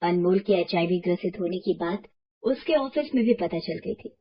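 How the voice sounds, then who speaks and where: A woman narrating a bedtime moral story in a steady, scripted way. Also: on the low side, normal speed, lo-fi sound, slight background noise. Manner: steady, explanatory.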